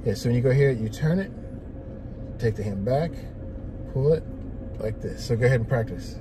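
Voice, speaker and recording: A man with a mid-pitched voice gives a driving lesson as the instructor. He speaks in short, directive commands and repeats them. The recording has clear vehicle noise around him. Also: expressive, normal speed. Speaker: driving instructor, teaching a learner. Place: inside a parked or slowly moving van. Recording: noisy inside a vehicle.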